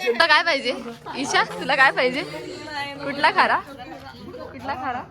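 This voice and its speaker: A woman's voice: high-pitched, moderate pace. A woman with a Marathi Koli accent, chatting and teasing as she films a wedding vlog. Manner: chatty, teasing, talks to camera. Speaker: vlogger. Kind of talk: casual vlog chat. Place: outdoors at a busy wedding. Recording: noisy crowd around.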